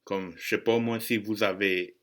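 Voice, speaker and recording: Speaking at a moderate pace in a steady, fairly low and slightly bright voice, this man delivers a casual podcast monologue. He has an Acadian French accent and rambles in a joking, informal way, dropping in English slang.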